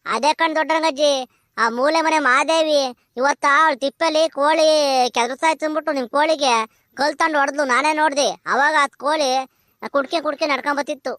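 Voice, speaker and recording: A woman's voice: sits high, steady tone, fairly quick, a bit bright, dry recording, clean studio sound. A woman voicing a gossipy young village woman in a cartoon comedy, eagerly telling tales with a rural Karnataka Kannada accent. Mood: tattling. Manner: eager tattling.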